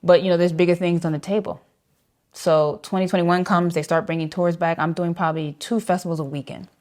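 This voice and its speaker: A woman's voice: fairly low pitch, fairly even intonation, fairly quick, a little mellow. A woman saxophonist being interviewed, telling a story vividly and acting out the voices of people she quotes. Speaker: jazz saxophonist guest.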